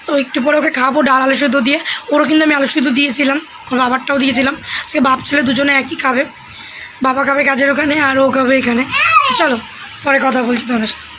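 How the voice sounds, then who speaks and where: A woman's voice: high-pitched, steady tone, quick pace, bright, forceful tone, a little hiss or hum, low-quality recording. A young woman, chatting casually with viewers in a home vlog and coaxing her child with sing-song questions. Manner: rambling, chatty talk to viewers. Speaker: vlogger mother.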